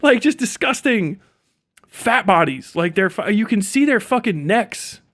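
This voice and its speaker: His voice sits high and his pace is measured as this man hosts a livestream in a casual, unscripted monologue. He's animated, blunt and profane, using slang and acting out imagined exchanges.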